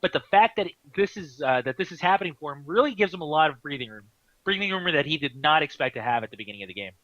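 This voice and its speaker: A man doing live card game commentary, excitable, laughing often and restarting his sentences. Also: a little high, fast talker, dry recording, muffled recording.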